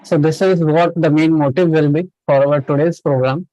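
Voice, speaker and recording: A man's voice: a little high, fairly even intonation, moderate pace, warm tone, no echo, lo-fi sound. A man presenting an interactive webinar as host and trainer, often repeating short confirmations and checking in with listeners over an online call. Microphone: online video call.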